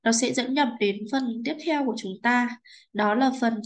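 A woman's voice: fairly high pitch, normal speed. A woman teacher with a Vietnamese accent, patiently explaining an English textbook exercise and often checking understanding with "right?".

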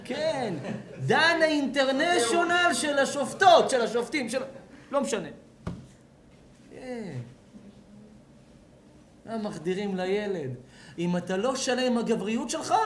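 A man, a rabbi, giving an animated sermon at a home gathering, asking the audience questions and acting out voices. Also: sits high, pauses often, slight background noise. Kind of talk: lively sermon at a house blessing.

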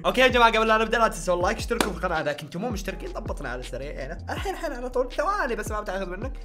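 A man's voice: high-pitched, sing-song, rapid-fire, music in the background. A young man, hosting a casual reaction vlog in a playful way and laughing often. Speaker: YouTuber host.

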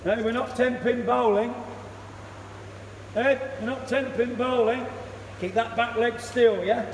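A man coaching a young batter one-to-one in an indoor cricket net, giving brisk instructions and praise. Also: very high-pitched, fairly even intonation. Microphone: camera across the net, far off. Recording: echoey hall, voice from far off, loud noise.

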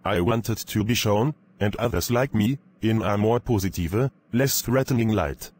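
A man voicing an ancient male vampire with a thick German accent, speaking slowly and earnestly. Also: lowish voice, a little mellow, slightly rough. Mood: solemn. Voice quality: thick accent, slow measured speech.

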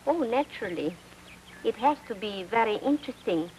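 A woman's voice: medium pitch, lively intonation, normal speed, darkish tone, slight background noise, lightly acted, low-quality recording. An actress playing a coy, curious young woman who asks playful, teasing questions. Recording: 1940s film soundtrack with music.

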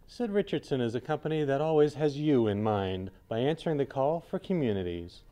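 A man's voice: mid-range voice, lively intonation, fairly quick, mellow, no echo. Man narrating a corporate infomercial over music. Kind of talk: scripted promotional narration.

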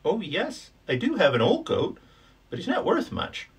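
A man's voice: high voice, wildly swooping pitch, normal speed, slightly rough, distant mic, voice pushed up, full character voice. A man voicing a poor, desperate peasant who pleads and wails in a raised, strained voice. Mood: fearful. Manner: pleading, wailing, frantic.

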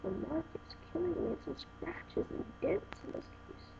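In a noisy, dull, lo-fi home video, a young woman reviews a phone case she's unboxing, talking to viewers in an exasperated, rambling way. She speaks at normal speed with an extremely high pitch and vocal fry.

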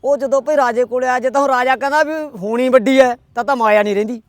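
With a very high-pitched, steady voice, a storyteller rattles off a folk tale at rapid-fire speed. He keeps it rustic and conversational, constantly marking quotes with "he said" and "she said," all captured in a dry recording.

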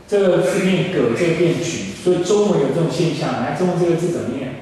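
A Taiwanese-accented man in his forties runs a lecture, constantly quizzing the class and answering himself. His voice sits a bit high and sounds distant, with long reverb from a large room and faint hiss behind. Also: animated, fast, dark tone. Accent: Taiwanese Mandarin. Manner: quizzing, repetitive, explanatory. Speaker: English teacher. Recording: echoey hall recording from far off.

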